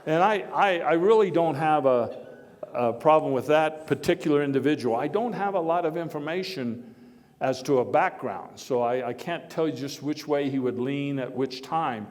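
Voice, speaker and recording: In a first-person historical dramatization, a man portrays a hearty, opinionated ex-president of the United States, telling stories haltingly with wry chuckles and sudden emphasis, then fielding audience questions. His voice sits on the high side, lightly acted, wry and measured. Long reverb fills the echoey hall.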